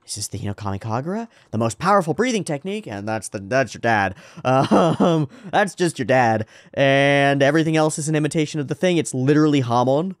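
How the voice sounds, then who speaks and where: A man giving casual reaction commentary as a show host, animated and sweary, often repeating phrases for emphasis. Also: mid-range voice, fairly quick, hardly any pauses, no room sound, studio quality.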